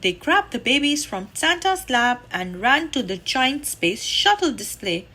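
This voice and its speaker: A woman reading a children's picture book aloud in an expressive, animated way. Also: high-pitched, measured pace. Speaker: storybook reader.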